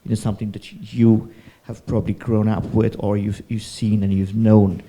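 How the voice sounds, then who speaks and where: A man's voice: on the low side, level tone, normal speed, background noise. A man moderating a festival panel, asking rambling, hesitant questions.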